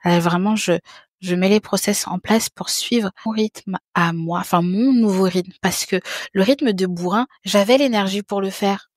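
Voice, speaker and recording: A woman's voice: medium pitch, moderate pace, no echo, clean studio sound. A woman in her thirties, a podcast guest talking frankly and casually, often repeating words and restarting her sentences. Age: 30s. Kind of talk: casual conversation.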